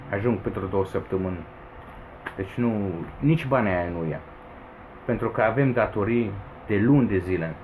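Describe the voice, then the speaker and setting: A man's voice: on the low side, slight background noise, low-quality recording. A Romanian man in his forties, rambling through an agitated personal complaint to camera, with emphatic outbursts. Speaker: vlogger. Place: home in the Philippines.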